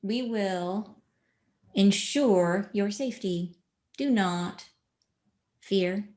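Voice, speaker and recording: Very slow, solemn woman channeling. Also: medium pitch, a little mellow. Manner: slow, measured, solemn, speaks as a collective "we". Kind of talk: channeled spiritual message.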